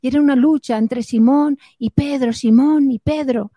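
A woman preaching a sermon, dramatic, often dropping to hushed tones for emphasis. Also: high-pitched, unhurried, slightly rough, no echo.

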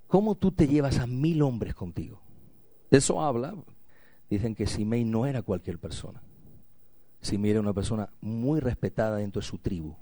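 Low, dark-voiced man preaching. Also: no echo. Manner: emphatic, repeats key phrases, rhetorical questions. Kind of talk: sermon.

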